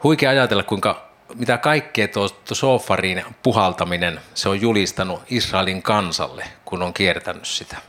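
Low-voiced man giving a Bible teaching. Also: bright, forceful tone. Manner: reflective, imagining scenes aloud with rising questions. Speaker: preacher.

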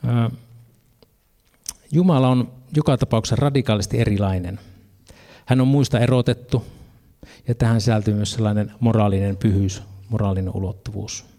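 Low mellow-voiced man preaching a sermon. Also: long pauses. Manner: earnest, reads scripture aloud, mixes in casual asides.

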